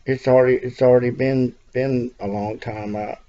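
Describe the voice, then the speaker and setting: A man's voice: medium pitch, fairly even intonation, moderate pace, dark tone. A man calling in with a casual inquiry, hesitant and repeating his words, on a muffled, slightly noisy phone line. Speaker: caller. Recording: muffled phone call with faint noise.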